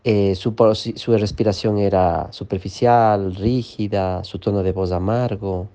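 Calm male meditation teacher, low-set and mellow, guiding an exercise gently. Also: unhurried. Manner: calm, often checks in with listeners. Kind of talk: guided emotional-awareness teaching.

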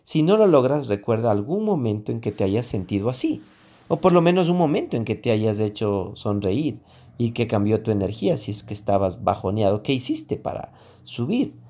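A man's voice: medium pitch, sing-song, normal speed, warm tone. A man coaching listeners on handling emotions in a motivational talk, asking himself questions aloud. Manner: asks himself questions aloud, switching between tú and usted. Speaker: self-help coach.

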